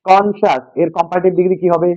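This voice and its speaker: Fast and level in tone, a man with a high-sitting voice teaches English grammar over crowd noise, repeating key points and questioning the class. The call-and-response lesson comes through as dull, dry lo-fi audio.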